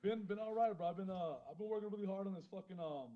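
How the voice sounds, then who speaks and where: A man who grew up in Queens, high and chatting casually as a podcast guest, rambling, swearing a lot and laughing often. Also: fast talker. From born in Honduras, grew up in Queens, New York. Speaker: guest caller, clothing brand founder. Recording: dull lo-fi phone call.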